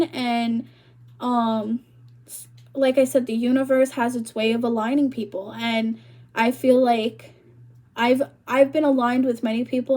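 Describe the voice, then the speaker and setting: A young woman vlogger talks casually to the camera, rambling and packing her speech with "like" fillers while sounding a little out of breath. Her voice is on the high side with a darkish tone.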